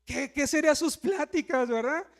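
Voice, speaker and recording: A man's voice: extremely high pitch, moderate pace, gravelly. A man preaching a sermon in a chatty, joking way, often tagging his points with questions to the congregation. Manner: joking, chatty preaching with frequent rhetorical tags.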